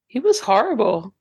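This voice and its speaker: A woman chats about a book with friends, dropping in quick, playful remarks. Her pitch swings up and down a lot. The sound is dry and close. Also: a little mellow, husky, dry recording. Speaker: book discussion co-host. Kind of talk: casual book club chat.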